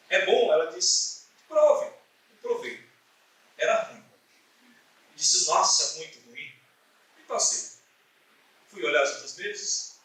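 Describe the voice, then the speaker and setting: A man's voice: high-pitched, bright, forceful tone. Brazilian pastor guy preaching, tells stories and does the voices, sounds far off in a big echoey church. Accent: Brazilian Portuguese. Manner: storytelling preacher, acts out quoted dialogue. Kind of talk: sermon. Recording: echoey church hall, voice from off-mic.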